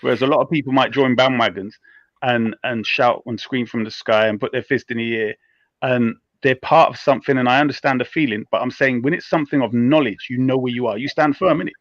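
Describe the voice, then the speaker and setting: A man's voice: mid-range voice, fairly quick, no echo, highs cut off. A man explaining his points assertively in a casual panel debate.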